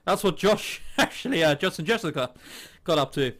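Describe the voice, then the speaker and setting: In a playful let's play, a man reads a visual novel aloud, dramatizing lines in exaggerated voices and tossing in jokey, sweary asides. His voice is fairly high and a bit bright, with lively intonation at a moderate pace.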